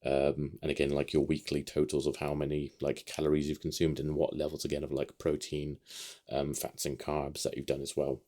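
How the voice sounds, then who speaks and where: A man's voice: a bass voice, monotone, moderate pace, warm tone. A man from the United Kingdom rambling casually through a vlog update from his home office, with lots of ums and restarts. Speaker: vlogger.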